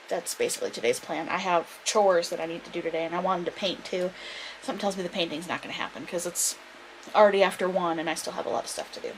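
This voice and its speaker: A woman chatting casually in a home vlog, rambling with many fillers, her throat a little dry and scratchy, recorded on a small camera's built-in mic. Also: on the low side. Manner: rambling, filler-heavy talk. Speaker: vlogger. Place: at home indoors. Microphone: compact vlogging camera's built-in mic.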